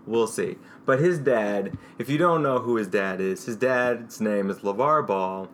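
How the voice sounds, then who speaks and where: A man's voice: on the low side, a little slow, fairly bright tone, a little hiss or hum. A young man co-hosting a casual sports podcast, rambling with frequent restarts and laughs. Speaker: podcast co-host.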